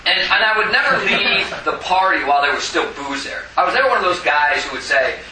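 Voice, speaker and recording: A man's voice: high voice, animated, brisk. A man in his forties from Arizona who tells his recovery story in a rambling, self-mocking way, often chuckling. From Tucson, Arizona, USA. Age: 40s. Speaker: recovery meeting speaker. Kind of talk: personal recovery testimony. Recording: roomy, distant mic, faint hiss.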